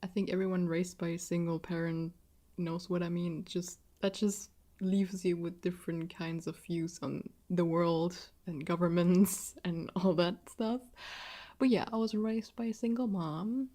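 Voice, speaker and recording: A woman from southwest Germany, in her early twenties, runs a casual solo podcast in German-accented English, chatting with self-deprecating humor and lots of laughter. She has a lowish, mellow voice.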